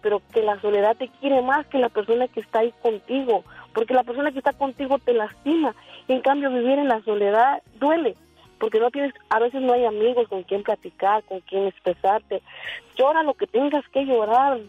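A woman calls in to a radio show and speaks with earnest, heartfelt conviction. Her husky voice comes through a tinny, dry phone line, with faint music behind. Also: a little high, a little fast, no echo. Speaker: caller. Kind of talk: phone-in testimony.

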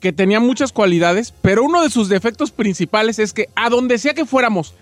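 A man's voice: sits high, expressive, a little fast, no room sound, soft background music. A man, co-hosting a radio show and chatting through an anecdote. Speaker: radio co-host.

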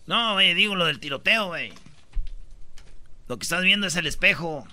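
Shouting Mexican man with a bright voice. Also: high voice, lively intonation, normal speed, slight background noise. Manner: playful, shouting, exaggerated. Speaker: comedy show host. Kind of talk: comic parody sketch.

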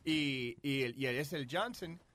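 A man's voice: mid-range voice, unhurried. A man telling a story in casual chat, acting out quoted voices and switching between Spanish and English. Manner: animated storyteller who acts out the quoted voices.

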